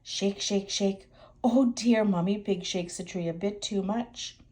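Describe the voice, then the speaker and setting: An elderly woman with a grandmotherly storytelling style reads a picture book aloud. Her pitch is ordinary for a woman, and she speaks expressively, straight to small children, adding chatty little asides. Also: unhurried, slight background noise. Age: older. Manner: expressive, talking directly to young children.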